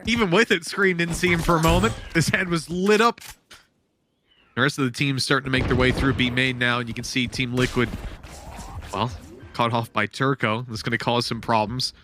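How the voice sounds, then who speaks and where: A man doing excited play-by-play as an esports caster, moving from measured calls up to shouts. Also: medium pitch, a little hiss or hum. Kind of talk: excited live esports commentary.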